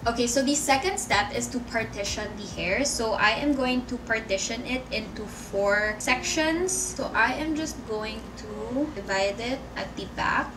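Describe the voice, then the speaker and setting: A woman's voice: a little high, unhurried, hardly any pauses, noisy background. A young woman from the Philippines filming a casual home vlog, talking to the camera in a self-mocking way, swearing and laughing often. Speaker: vlogger. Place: room at home. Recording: echoey room, mic a bit far off.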